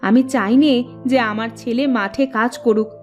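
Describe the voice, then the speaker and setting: A woman voicing a sharp-tongued village mother in a cartoon, scolding and sarcastic. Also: fairly high pitch, normal speed, faint music behind, lightly acted. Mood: nagging. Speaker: cartoon voice actress. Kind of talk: cartoon voice acting.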